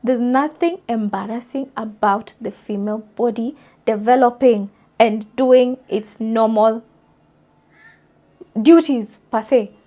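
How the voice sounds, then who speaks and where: A woman's voice: fairly high pitch, slow pace, warm tone. A young adult woman hosting a podcast, speaking emphatically and directly to her listeners in a forthright solo monologue. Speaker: podcast host.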